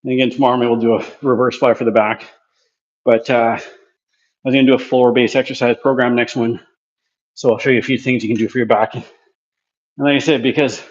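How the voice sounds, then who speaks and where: The high frequencies are cut off in this recording of a medium-pitched male voice. A physiotherapy clinic presenter, out of breath between sets, casually talks viewers through his gym workout in a demonstration vlog.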